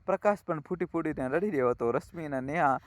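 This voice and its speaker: A man's voice: fairly high pitch, fast talker, no echo. A male storyteller narrating an emotional family tale in a heartfelt, moralizing way, often addressing his listeners as friends.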